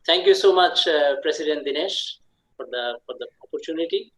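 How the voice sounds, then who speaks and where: A man from Bangladesh introducing himself at an online club meeting, shy and halting, with many "uh" fillers. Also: a little high, a bit bright, poor audio. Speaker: club member giving a self-introduction. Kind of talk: hesitant online meeting talk. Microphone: video call.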